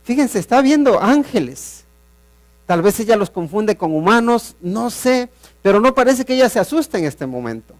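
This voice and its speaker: Guy preaching, kinda high voice, keeps asking the church questions, loud then quiet. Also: big pitch swings, normal speed. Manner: explains Bible passages with rhetorical questions, swings loud and soft. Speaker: pastor. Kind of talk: sermon.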